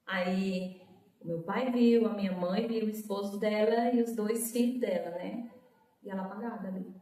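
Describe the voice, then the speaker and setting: A woman's voice: steady tone, moderate pace, mellow. A woman giving an emotional personal testimony as a guest, acting out the voices in her story. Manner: storytelling, acts out quoted speech with rising pitch. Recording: echoey room, mic at a distance.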